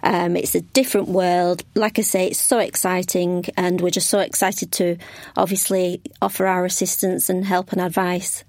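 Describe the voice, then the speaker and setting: A woman's voice: lowish voice, little pitch movement, normal speed, a little mellow, no room sound. A woman travel agent as a podcast guest, eager and chatty.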